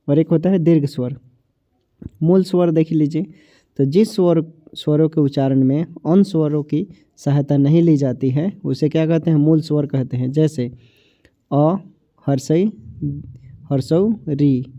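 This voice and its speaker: Dark-voiced man teaching exam grammar. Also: fairly high pitch, no echo. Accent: Hindi of Bihar. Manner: repetitive, asks and answers his own questions; drags out sounds when saying them. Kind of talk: exam-prep grammar lesson. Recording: dull, dry, lo-fi voice recording.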